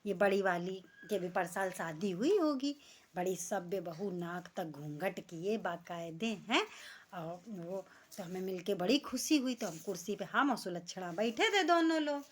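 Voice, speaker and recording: A middle-aged woman spins a homely family story for her vlog, chatty and expressive, her voice sitting at an ordinary middle pitch for a woman. She talks the way she would to neighbours over tea. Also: unhurried. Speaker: vlogger. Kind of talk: casual storytelling.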